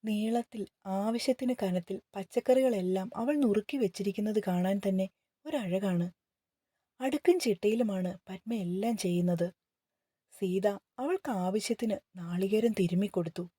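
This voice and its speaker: Woman narrator, romantic novel reading, calm steady pace, warm mellow voice, dry close sound. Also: mid-range voice, normal speed, husky, no room sound.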